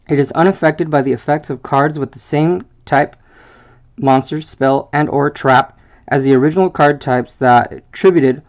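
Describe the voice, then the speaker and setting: A man presenting a card game deck, reading the card text aloud in a halting way, stumbling over wordings and filling gaps with "uh". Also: fairly high pitch, darkish tone, highs cut off.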